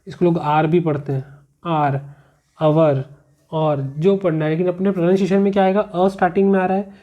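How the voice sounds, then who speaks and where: A male teacher explaining grammar rules in a classroom lesson, repeating each rule and asking the class questions as he goes. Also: sits high. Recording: muffled, slightly lo-fi.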